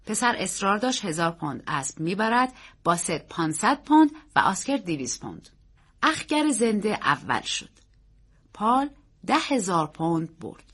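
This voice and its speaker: A woman narrating a story in a measured, expressive storytelling manner. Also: mid-range voice, breathy edge.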